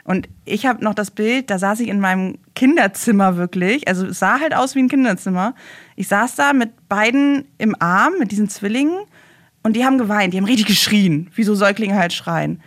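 A young woman speaking as a guest, telling a personal story in a halting way and searching for words. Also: mid-range voice, no room sound, clean studio sound.

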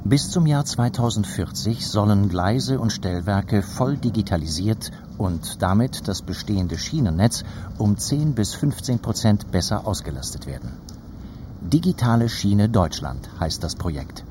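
A man's voice: lowish voice, lively intonation, unhurried, background noise. A man reading scripted documentary narration as a radio feature reporter.

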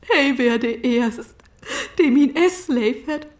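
Speaking slowly with a Low German accent, a woman plays a wistful part in a radio play, her voice sometimes slipping into whispers.

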